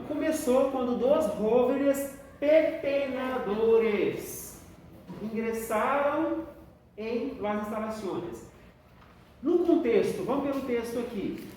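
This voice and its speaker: A woman's voice: fairly high pitch, darkish tone. A woman teaching a class, explaining patiently and often checking in with the students. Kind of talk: classroom lesson. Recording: echoey room, distant mic, faint noise.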